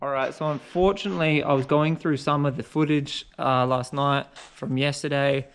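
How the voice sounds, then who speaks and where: A man's voice: mid-range voice, steady tone, moderate pace, slight background noise. A man chatting casually as a car build vlogger, laid-back, sweary and full of slang. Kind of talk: casual chat.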